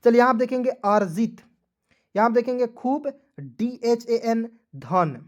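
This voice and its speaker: A man's voice: very high-pitched, expressive, unhurried, lo-fi sound. A man teaches an online English spelling lesson. He spells each word letter by letter in a friendly way, keeps calling his viewers friends, and keeps asking if they follow. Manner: spells words letter by letter, often asking "ठीक है ना".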